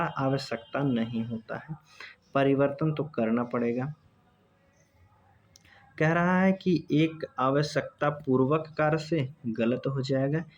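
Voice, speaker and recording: A man tutoring exam-prep grammar. His voice sits a little high, and he reads every sentence and option aloud slowly, then repeats it. The recording sounds dull and lo-fi. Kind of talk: Hindi grammar lesson. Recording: dull lo-fi audio.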